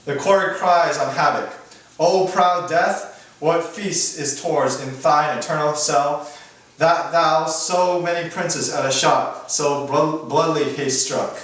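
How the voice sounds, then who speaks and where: An actor playing a grave, commanding warrior prince in classical Shakespeare style. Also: male voice, a little high, takes it slowly, a bit bright. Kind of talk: classical Shakespeare stage acting. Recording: very echoey room.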